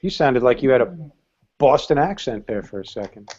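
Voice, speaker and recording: An easygoing male host keeps a casual live-stream chat rolling with short replies and frequent laughs. His mid-pitched voice sounds dull and lo-fi, as if over an online call. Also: lively intonation, normal speed, a little mellow. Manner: easygoing, brief responses, laughs often.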